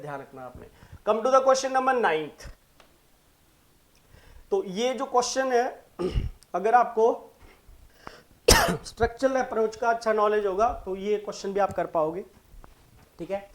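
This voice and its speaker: A teacher with a Punjabi accent giving an online exam-prep lesson, mixing Hindi and English, explaining slowly and often checking in with "right?". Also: mid-range voice. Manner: explains slowly and repeats key terms. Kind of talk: online exam-prep lesson going through multiple-choice questions.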